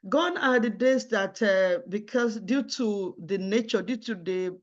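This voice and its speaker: A woman's voice: mid-range voice, a little slow. A woman giving formal job interview answers in a hesitant way, repeating and restarting her words. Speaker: job candidate in a mock interview. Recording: dull, lo-fi audio.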